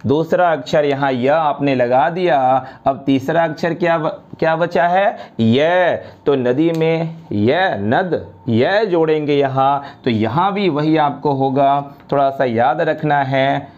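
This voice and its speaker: A man teaching a grammar lesson to students, slowly reciting and repeating word forms one by one. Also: a little high, animated, a little mellow, muffled recording. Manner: addresses students directly, repeats each form.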